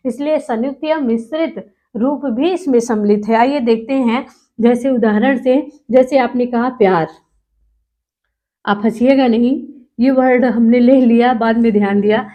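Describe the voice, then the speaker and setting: High-voiced woman teaching a class. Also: dark tone. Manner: asks the class questions and answers them herself; drags out key words for emphasis. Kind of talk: classroom-style lecture. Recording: muffled lo-fi recording.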